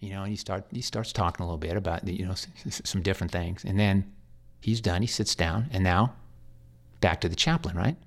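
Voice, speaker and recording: A man's voice: low-pitched, fairly quick. A man, a hospice chaplain, telling a long story in an earnest, rambling way, repeating words as he goes. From United States. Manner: earnest and pastoral. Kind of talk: storytelling in a faith interview.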